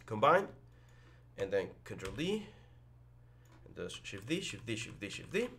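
A man's voice: lowish voice, very animated, a little slow, vocal fry, bright, forceful tone, slight background noise. A young man with a headset teaching 3D modeling over a screen recording, thinking aloud with lots of fillers and restarts. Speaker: 3D modeling instructor. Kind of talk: screen-recorded software tutorial.

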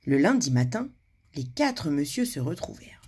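A kindergarten teacher reading a storybook aloud to children, animated and dropping to hushed asides. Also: female voice, sits low, moderate pace, husky.

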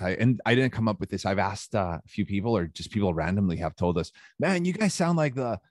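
A man's voice: lowish voice, no room sound. Casual guest: young man from Chile, band frontman, loose and laughing, dry close mic. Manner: relaxed, laughs often, many fillers. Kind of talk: casual interview chat.

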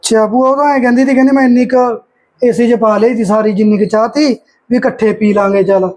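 A man's voice: extremely high pitch, steady tone, quick pace, darkish tone, rough recording. A young man acting an easygoing, resigned nephew in a village short drama, mild and conciliatory, with a Malwa Punjabi accent. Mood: mildly let down. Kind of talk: amateur short-film acting.

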